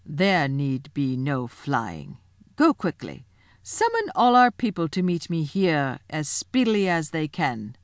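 Woman voicing a scornful witch queen, slow, commanding, low voice. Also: huge pitch swings, no echo, clean studio sound, full character voice.

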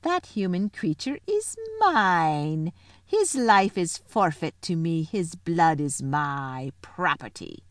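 A woman's voice: very animated, takes it slowly, no room sound. A woman voicing a cold, haughty witch queen in a fantasy story, snarling, menacing and declamatory. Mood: cold menace. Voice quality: shrill, snarling. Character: cold imperious witch queen, savage, shrill when angered. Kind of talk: audiobook fantasy character voice.

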